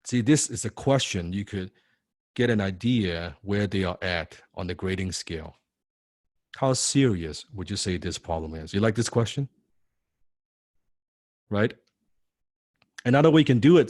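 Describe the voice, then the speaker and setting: Animated male sales coach, dry sound. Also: on the low side, moderate pace, long pauses, no echo. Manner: animated, acts out prospect replies, rhetorical questions. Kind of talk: sales training lecture.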